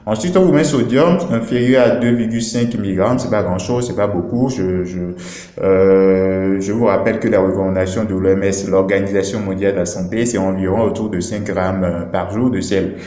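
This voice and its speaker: Man, low dark voice, hesitant, lots of fillers, echoey room. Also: steady tone, normal speed. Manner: hesitant, many fillers, checks in with "d'accord?". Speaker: doctor explaining nutrition labels. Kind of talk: casual explanatory video talk.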